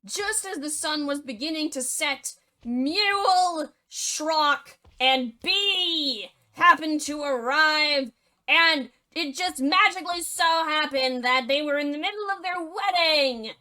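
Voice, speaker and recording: A woman's voice: high voice, slow, pushed and bright. A woman narrating a comic story retelling in a casual, slangy way.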